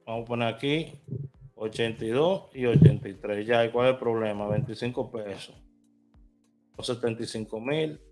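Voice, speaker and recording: A man's voice: mid-range voice, normal speed, darkish tone, soft background music. A man in a casual vlog, chatting to viewers as he walks through placing lottery bets on his phone, from inside a car. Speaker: vlogger. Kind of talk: casual screen walkthrough.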